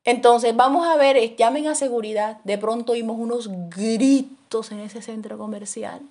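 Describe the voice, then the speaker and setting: Animated woman preaching. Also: fairly high pitch, normal speed. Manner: animated storytelling, acts out voices in her anecdotes. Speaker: Bible teacher. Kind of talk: sermon teaching.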